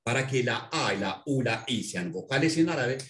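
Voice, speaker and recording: A man teaching a language in an interview, patiently explaining and spelling out words slowly. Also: mid-range voice, animated, a bit bright, echoey room. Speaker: Arabic language instructor.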